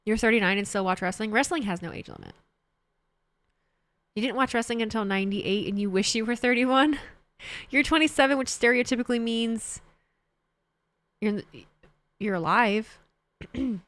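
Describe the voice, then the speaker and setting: A woman's voice: mid-range voice, moderate pace, long pauses, fairly bright tone, dry recording. A woman in her thirties streaming and chatting casually, rambling and correcting herself as she reads chat. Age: 30s. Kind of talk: casual livestream chat, reading chat.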